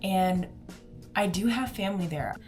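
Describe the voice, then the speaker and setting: A woman's voice: medium pitch, a little slow, music in the background. A woman in her twenties from Houston, chatting casually and rambling as she does her makeup for a beauty vlog. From Houston, Texas. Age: 20s. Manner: chatty, rambling, says "like" often. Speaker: beauty vlogger. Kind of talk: casual chat while doing makeup.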